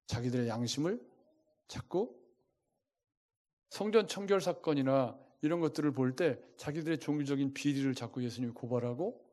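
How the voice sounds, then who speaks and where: A male pastor preaching a sermon, asking his congregation one rhetorical question after another and swinging his loudness for emphasis. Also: mid-range voice. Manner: lively, shifting loudness for emphasis.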